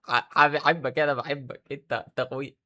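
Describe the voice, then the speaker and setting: A man's voice: medium pitch, fairly even intonation, fast, bright, forceful tone. A man with an Egyptian Arabic accent giving teasing reaction commentary, often stammering and repeating words. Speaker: YouTuber.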